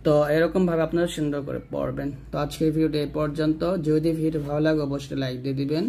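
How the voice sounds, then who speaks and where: A man's voice: a little high, level tone, creaky, warm tone, a little hiss or hum. Chanting Bangladeshi male recitation teacher. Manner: chants phrases slowly, then explains in quick asides. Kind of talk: slow, drawn-out recitation lesson.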